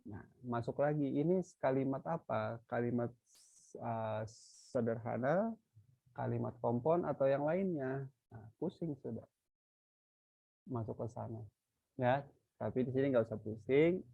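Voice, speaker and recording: A man teaching English grammar in a slow, deliberate lecture, often checking in with "ya" and "oke" and posing questions that he then answers himself. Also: medium pitch, creaky, dry recording, narrow, tinny audio. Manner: poses questions to the viewer, then answers them.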